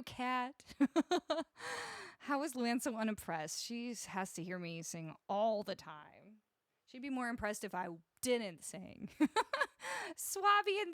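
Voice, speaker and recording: A woman's voice: fairly high pitch, a bit bright, no room sound. A woman music streamer chatting casually with her live viewers on a close studio mic. She laughs often and greets each viewer by name. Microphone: studio broadcast microphone, close.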